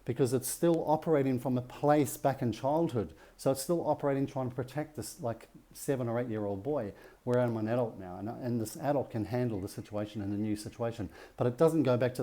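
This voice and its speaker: Male workshop leader, middle-aged, very mellow warm tone, keeps asking his listeners "yeah?". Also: mid-range voice, fast talker. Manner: checks in with the audience with rhetorical questions and "yeah?". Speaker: relationship workshop speaker. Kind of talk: teaching talk to a group.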